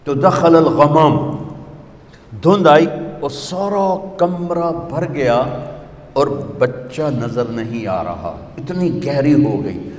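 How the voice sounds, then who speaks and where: A man's voice: fairly high pitch, darkish tone. A male preacher delivers a sermon with rhythmic, emphatic lists that rise in repetition. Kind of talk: Urdu sermon. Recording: echoey hall with long reverb.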